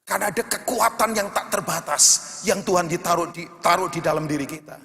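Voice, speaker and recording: A man preaching as a pastor, swinging from loud, emphatic calls to hushed, quiet passages. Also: high voice, a little fast, gravelly. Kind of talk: sermon. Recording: long hall reverb.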